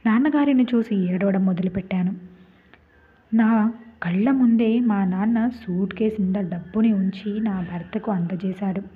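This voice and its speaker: A woman's voice: medium pitch, normal speed, breathy edge. A woman narrating a dramatic first-person story, telling it with emotional, tearful-toned delivery. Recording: tinny phone-like lo-fi.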